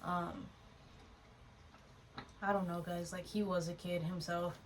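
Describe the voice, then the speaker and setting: A woman's voice: on the low side, little pitch movement, slow pace. A woman in her twenties co-hosting a podcast in casual chat, blunt and slangy. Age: 20s. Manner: blunt, slangy, throws in "dude" and "bro". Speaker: podcast co-host. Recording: distant mic with faint noise.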